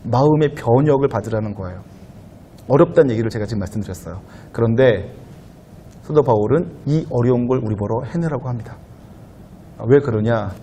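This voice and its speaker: A man pastor giving a conversational sermon to a young adult congregation in a church, at times growing louder and higher as he presses a point. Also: fairly quick, long pauses, a little hiss or hum. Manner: conversational preaching, rising loud and high when animated. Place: church sanctuary.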